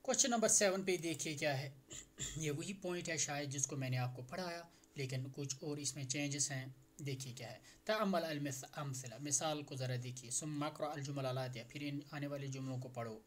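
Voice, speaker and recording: A man from India teaching Arabic grammar in Hindi-Urdu, saying Arabic phrases slowly and repeating them before translating, often asking the class a question before he answers it. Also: on the high side.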